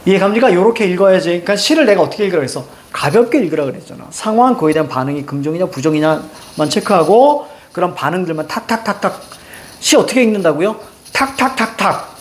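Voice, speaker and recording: A male teacher giving an online lesson, energetic, drilling his students with the same short questions again and again. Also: high-pitched, slight background noise. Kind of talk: online lecture.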